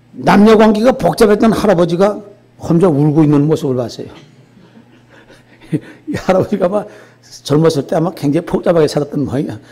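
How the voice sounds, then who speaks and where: An older man preaching a sermon as pastor, telling a story in an animated way and often checking in with the congregation. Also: high voice.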